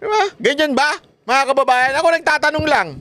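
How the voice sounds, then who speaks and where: A man's voice: extremely high pitch, a little fast, bright, forceful tone, dry recording. A man doing casual live-stream political commentary, mocking and laughing while asking his viewers rhetorical questions.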